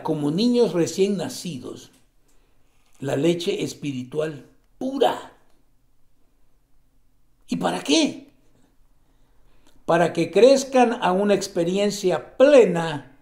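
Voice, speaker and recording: A man preaching with a high-pitched, heavily gravelly voice. He swings between loud, climbing exclamations and low, hushed stretches. The tone is a pulpit sermon.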